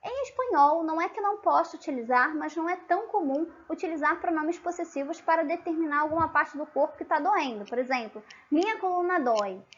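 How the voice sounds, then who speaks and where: A woman's voice: high-pitched, lively intonation, quick pace, hardly any pauses, highs cut off. A woman with a Brazilian Portuguese accent giving an online language lesson, patient and explanatory, often checking in with the listener. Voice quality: patient, repeats and checks with frequent tag questions. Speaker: language teacher.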